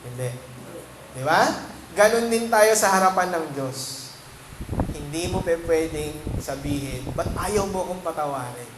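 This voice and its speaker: A man's voice: a little high, expressive, measured pace. A Filipino man preaching as a pastor, often asking the congregation questions and mixing English phrases into his talk. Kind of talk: sermon. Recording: echoey room with background noise.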